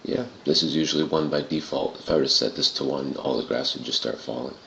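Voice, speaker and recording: A man with a gravelly, throaty voice, casually narrating a software tutorial in a muffled, roomy home recording. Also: extremely low pitch, fast, slight background noise. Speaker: tutorial presenter.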